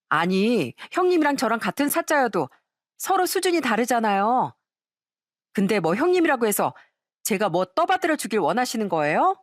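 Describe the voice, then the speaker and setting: A woman's voice: on the high side, no echo, clean studio sound. Woman voicing a sneering, snooty sister-in-law. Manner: mocking, condescending.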